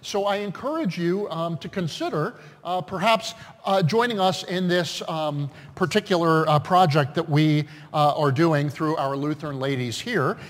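A man pastor leading a church service, giving announcements with many fillers and measured prayers in a sanctuary. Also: on the high side. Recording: long church reverb.

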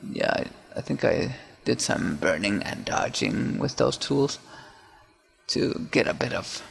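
Speaking a little slowly in a lowish voice with vocal fry, a man talks through his own digital painting as faint music plays. His relaxed, hesitant narration is full of fillers and false starts.

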